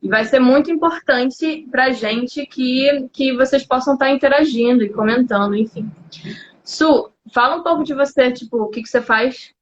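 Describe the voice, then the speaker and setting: A woman's voice: high-pitched, normal speed. A woman hosting a live stream from home, chatting casually and laughing easily. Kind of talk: casual chat. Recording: dull lo-fi sound with faint noise.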